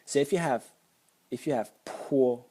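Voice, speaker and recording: With a warm, medium-pitched voice and an unhurried pace, a young native Slovak speaker with a Slovak accent teaches a casual lesson on sounds. He frequently hesitates, with lots of ums and restarts, and there's slight background noise.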